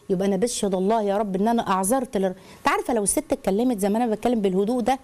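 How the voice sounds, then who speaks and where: A woman with an Egyptian accent hosting a call-in advice show, talking briskly and expressively and checking in with her listeners. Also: fairly high pitch. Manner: brisk, expressive, asks listeners questions and acts out quoted voices.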